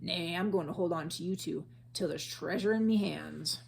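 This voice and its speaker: A woman voicing a gruff, greedy one-eyed male pirate captain who growls and roars orders. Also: fairly low pitch, normal speed. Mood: growling, bossy. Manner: growling, roaring commands.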